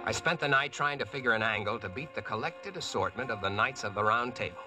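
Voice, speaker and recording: A man's voice: medium pitch, lively intonation, quick pace, loud music behind the voice, natural voice. An actor playing a brash, wisecracking American who narrates his own adventure in a slangy, cocky way, in 1940s radio drama style.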